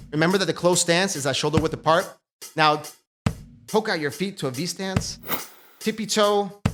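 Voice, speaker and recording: A high-pitched man leads a workout as an energetic aerobics instructor. He calls out cues and encouragement over clearly audible music. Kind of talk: instructing a cardio kickboxing workout with counts and cues. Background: loud workout music.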